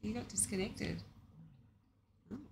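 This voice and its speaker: A woman's voice: mid-range voice, unhurried, creaky, a little mellow, slight background noise. A woman chatting casually on a live gaming stream, greeting viewers and swearing freely. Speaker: game streamer.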